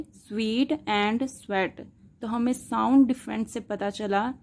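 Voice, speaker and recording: A woman's voice: on the high side, darkish tone. A woman teaching linguistics in a lecture, explaining terms step by step, asking questions and answering them herself, and mixing English words into her Hindi. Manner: slow, deliberate, spells out examples letter by letter.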